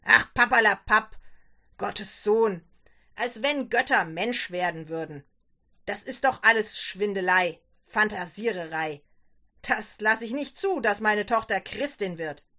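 A woman voicing a stern middle-aged merchant father who gets angry and scolds loudly. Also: medium pitch, expressive, a little slow. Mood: angry shouting. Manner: loud, scolding, dismissive.

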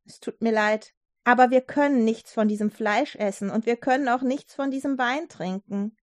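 A woman voicing a calm, faithful young man in a children's storybook reading, speaking gently and reassuringly. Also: on the high side, normal speed, dry recording, clean studio sound, natural voice.

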